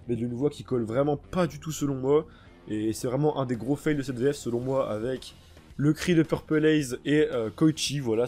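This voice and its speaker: A man's voice: mid-range voice, dark tone. A man casually reviewing a dubbed anime, enthusiastic and rambling, with lots of fillers and restarts.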